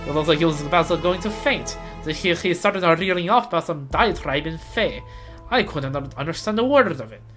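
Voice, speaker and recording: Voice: mid-range voice, close to an everyday voice. Gamer doing weary grumbly russian accent soldier reading his diary, rolled r's, game music behind. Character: weary, grumbling military camp diarist reading aloud. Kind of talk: theatrical diary read-aloud.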